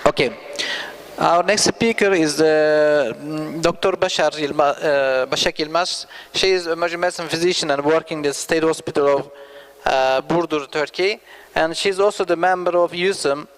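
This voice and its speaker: A man's voice: on the high side, moderate pace, rough recording. A man chairing a session, giving a formal conference introduction in a hesitant, stumbling way.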